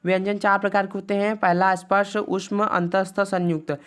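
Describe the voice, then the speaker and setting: A woman teacher reviews a grammar lesson. Her voice is smooth and clear at a middle pitch, and she spells out lists of letters one by one and says the rules twice. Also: flat delivery. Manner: recites letter lists slowly and repeats rules.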